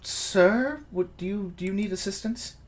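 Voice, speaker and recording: Polite stammering servant woman, voiced by a man, tabletop game NPC, slightly higher. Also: a little slow. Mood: fussy. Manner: hesitant, courteous, stammering. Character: polite fussy female castle servant.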